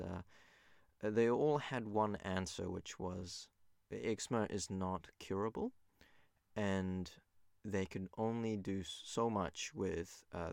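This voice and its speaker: A man's voice: low voice, vocal fry, darkish tone, no echo, studio quality. A man born in Japan and raised abroad, hosting a solo podcast in an earnest, loose way with frequent fillers. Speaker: podcast host.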